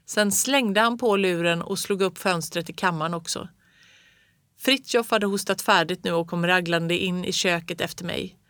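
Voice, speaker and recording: A calm, even storyteller reading a children's book aloud. The pitch sits in a middle range. The recording is dry, with no room sound. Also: dry recording. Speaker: narrator.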